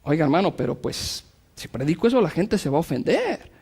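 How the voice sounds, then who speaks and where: Male pastor, high-pitched voice, preaching to a congregation with slow emphatic lines and quick asides. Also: big pitch swings, gravelly, darkish tone, slightly rough. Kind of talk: sermon.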